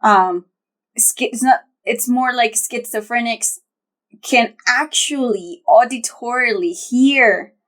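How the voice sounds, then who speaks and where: Speaking slowly in a slightly high, somewhat bright voice, this young podcast co-host muses aloud during a casual chat. She rambles thoughtfully, filling gaps with fillers and frequently starting over.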